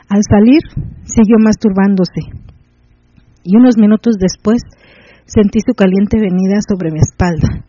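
High, mellow male narrator for a first-person erotic audio story; intimate and measured, dry muffled sound. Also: no room sound.

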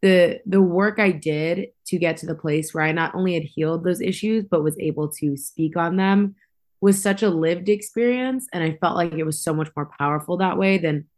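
Young woman, somewhat low pitch, casual interview chat, informal phrasing. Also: moderate pace, darkish tone. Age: young adult. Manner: informal, frequent "like" and "you know". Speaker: podcast guest, model and public speaker.

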